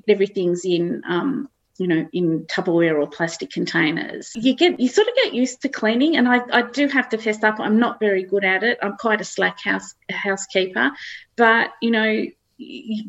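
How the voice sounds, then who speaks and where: A middle-aged woman with an Australian accent chats casually as a guest and tells farm stories in an easygoing, anecdotal way. Her voice sits at an ordinary pitch for a woman. The audio is slightly dull and lo-fi. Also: moderate pace, vocal fry, fairly bright tone. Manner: chatty, anecdotal storytelling. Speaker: farmer guest. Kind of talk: casual chat.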